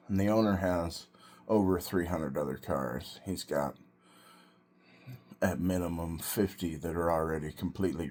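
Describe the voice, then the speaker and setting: A man talking casually and reflectively in a solo vlog, in short, halting phrases. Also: extremely low pitch, a little mellow. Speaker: vlogger and self-employed car restorer.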